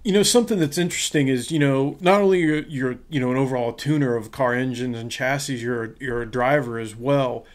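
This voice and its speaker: A man co-hosting a casual motorsport panel, relaxed with joking asides. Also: medium pitch, fairly quick, hardly any pauses. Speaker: co-host.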